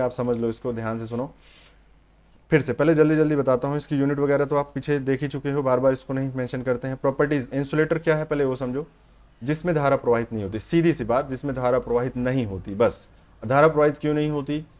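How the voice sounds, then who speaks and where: In a Hindi classroom-style lecture, a man teaches electrician trade theory, constantly saying "theek hai," addressing "students," and checking "okay?" He explains step by step and urges listeners to listen carefully, speaking fast at medium pitch with fairly even intonation and a darkish tone.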